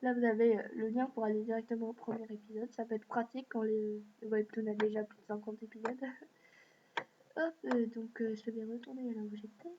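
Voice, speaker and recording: A woman's voice: on the high side, little pitch movement, fairly quick. Hesitant woman giving an app walkthrough. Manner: hesitant, many fillers. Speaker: video host. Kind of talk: screen-recorded app walkthrough. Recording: dull lo-fi mic with faint hiss.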